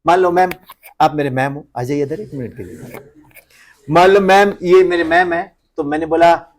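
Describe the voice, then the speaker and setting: A male physics teacher tells his class a story, animated and acting out its characters while mixing Hindi with English physics phrases. His voice is fairly high, and he speaks at normal speed.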